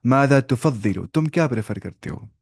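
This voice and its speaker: A man teaching an online Arabic lesson, talking fast and putting questions to his learners. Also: mid-range voice, expressive, husky, no echo. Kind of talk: online language lesson in Hindi-Urdu.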